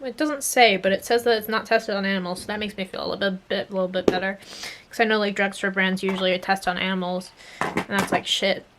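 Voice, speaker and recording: A woman's voice: medium pitch, fairly even intonation, fast talker, a bit bright, slight background noise. A young adult woman vlogger chatting casually to viewers, musing aloud and trailing off, her speech slightly hampered by a swollen mouth after dental work. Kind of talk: casual rambling chat to viewers.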